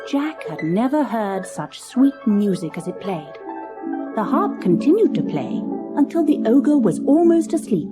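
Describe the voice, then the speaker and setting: A woman narrating a children's fairy tale from a storybook cassette in a measured, expressive reading. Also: a little high, music in the background.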